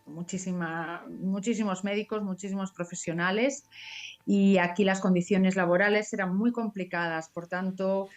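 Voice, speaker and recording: A woman in her forties from Galicia, a family doctor guest on a video call, speaking deliberately and repeating words for emphasis. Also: on the low side. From Galicia, Spain. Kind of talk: interview answers.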